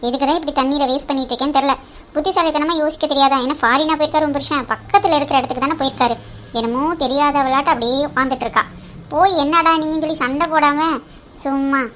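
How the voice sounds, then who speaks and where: A woman voicing a bossy elder sister-in-law in a cartoon drama, brisk and teasing, with a scheming side. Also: high-pitched, steady tone, fairly bright tone, a little hiss or hum.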